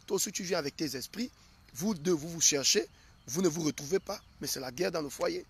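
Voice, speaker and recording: A man's voice: on the high side, a little fast, fairly bright tone, breathy edge. A male prophet giving a live sermon, speaking straight to his listeners and hammering his point with repeated questions. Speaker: prophet preaching to his followers.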